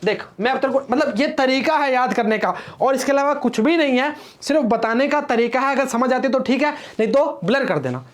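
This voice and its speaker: A man teaching physics in a casual classroom lecture, chatty and teasing as he talks straight to his students and wanders off into playful rhymes. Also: extremely high pitch.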